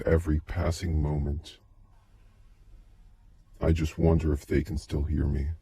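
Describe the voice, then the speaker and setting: Heavily pitched down by a voice changer until it's dark and muffled, this man's voice delivers scripted first-person narration as if from a recorded tape. Brooding and halting, he talks slowly with almost no pitch movement, as though confessing.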